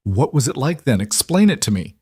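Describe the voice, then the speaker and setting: Guy doing a hurt young bride, sharp and accusing, storybook voice, very dry close sound. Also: mid-range voice, very animated, fairly quick, slightly rough, no echo, voice pushed up. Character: young woman, wary bride, hurt and angry.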